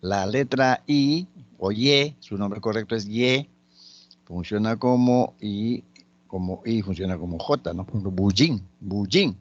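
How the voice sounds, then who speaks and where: A man teaching a lesson on letters and sounds, slowly and patiently listing example words one by one. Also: lowish voice, no room sound, highs cut off. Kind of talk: spoken grammar lesson.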